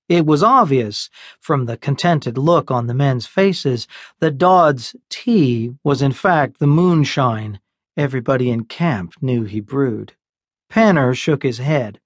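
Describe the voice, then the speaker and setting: A man narrating an audiobook in a measured, unhurried storytelling manner, recorded close on a studio mic. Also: mid-range voice, no room sound. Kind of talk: scripted narration.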